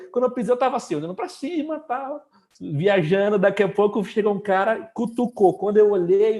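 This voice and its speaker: Man, quite high voice, chatty storyteller, casual interview. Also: a little mellow. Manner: storytelling, many fillers. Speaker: guest entrepreneur.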